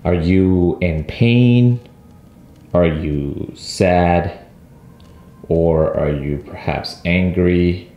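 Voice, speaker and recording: A man's voice: sits low, extremely slow, mellow, highs cut off. A young man vlogging casually from a hotel room and its hallways, chatty and half-joking with a nervous edge, filmed on a camera held at arm's length. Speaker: travel vlogger. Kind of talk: casual vlog narration. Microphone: handheld camera held at arm's length. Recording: echoey room with faint ambience.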